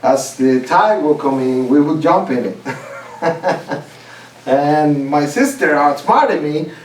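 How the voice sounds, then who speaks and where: Telling funny stories for a speech contest, a Costa Rican man speaks in a fairly high, animated voice that echoes from afar in a club meeting room. He keeps laughing at his own tales and stumbles into halting restarts, captured by a distant mic in a roomy space with faint hiss.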